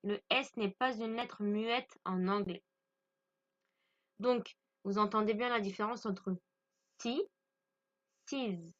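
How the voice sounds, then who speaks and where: A woman's voice: medium pitch, steady tone, slow, pauses often, a bit bright, lo-fi sound. A woman from France teaching English grammar to French speakers, patiently stressing pronunciation and repeating each point.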